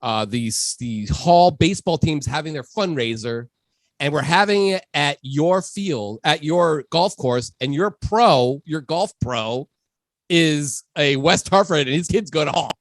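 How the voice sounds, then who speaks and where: A man's voice: fairly high pitch, animated, a little slow, no room sound. A man co-hosting a sports podcast, telling stories in a casual chat and laughing often. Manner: laughs through his storytelling. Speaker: podcast co-host.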